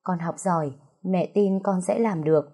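A woman voicing a grieving middle-aged mother who talks softly and with resignation. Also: lowish voice, moderate pace, breathy edge. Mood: resigned.

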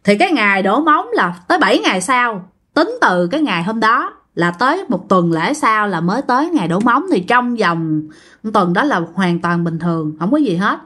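A woman's voice: medium pitch, big pitch swings, normal speed, fairly bright tone. A woman with a Southern Vietnamese accent telling a ghost story casually, chatting straight to her listeners.

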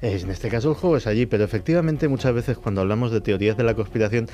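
A man taking part in a radio discussion, speaking in a measured way and readily agreeing. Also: fairly low pitch, warm tone. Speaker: radio collaborator.

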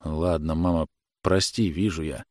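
A man voicing a young son who speaks quietly and apologetically. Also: deep voice, animated, normal speed, no room sound, clean studio sound. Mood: sheepish.

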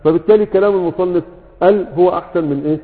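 Male grammar teacher, Egyptian accent, quick delivery full of rhetorical check-ins; tinny, echoey recording. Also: high-pitched. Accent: Egyptian Arabic. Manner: keeps checking in with rhetorical questions. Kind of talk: lecture with a class. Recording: echoey, tinny phone-like sound.

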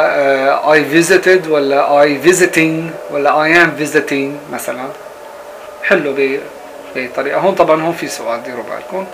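Male language teacher, patient and repetitive, mixes with English examples, slightly raised pitch, faint background noise. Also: fairly bright tone, rough recording. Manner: explains patiently, switches between Arabic and English examples, repeats key words. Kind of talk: recorded grammar lesson.

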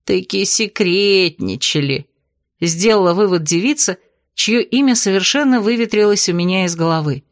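Expressive woman narrating an audiobook. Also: mid-range voice, brisk, no room sound, studio quality. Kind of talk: first-person audiobook narration.

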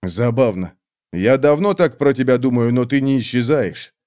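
A man's voice: medium pitch, moderate pace, a little mellow, lightly acted. A man reading an audiobook, voicing a blunt, weary male warrior in his own plain voice. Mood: wry.

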